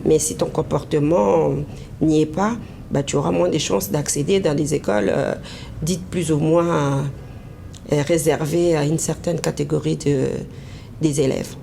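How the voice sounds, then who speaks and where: Speaking a little slowly with fairly even intonation, a woman from Congo (DRC) answers questions in a casual, hesitant manner full of fillers. Her low voice has vocal fry and a warm tone. She appears as an interview guest and runs a business in humanitarian work, and the TV recording is noisy.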